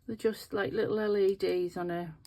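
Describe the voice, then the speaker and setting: This middle-aged woman, nasal and sniffly, hosts a resin craft video and chats while thinking aloud about what her hands are doing. Her mid-range voice stays steady and a little mellow at a normal speed.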